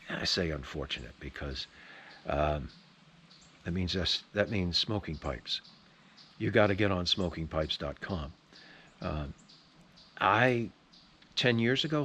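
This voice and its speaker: Very deep-voiced man rambling casually. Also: fairly bright tone, a little hiss or hum. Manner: rambling, opinionated, folksy. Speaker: pipe tobacco reviewer and vlogger. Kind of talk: casual rambling video chat.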